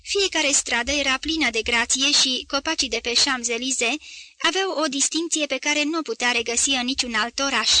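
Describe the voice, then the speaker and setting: A woman narrating a literary novel as an audiobook, with a measured, even delivery. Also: high-pitched, no echo.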